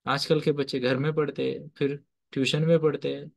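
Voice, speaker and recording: A man with a slightly high voice leads a motivational lesson, telling stories like a teacher and counsellor. He often stops to quiz his listeners and moves freely between Hindi and English phrases. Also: level tone, moderate pace, gravelly. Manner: quizzes listeners with repeated questions. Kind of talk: motivational storytelling lecture.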